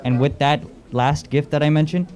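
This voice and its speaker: Mellow young man giving a formal speech. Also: on the high side, normal speed. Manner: formal, stumbles and corrects himself. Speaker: senior student giving a thank-you speech. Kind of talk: prepared speech.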